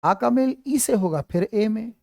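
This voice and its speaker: A man's voice: high voice, expressive, measured pace, gravelly, warm tone, no room sound, clean studio sound. A man teaching an online grammar class, quizzing his students and repeating his questions.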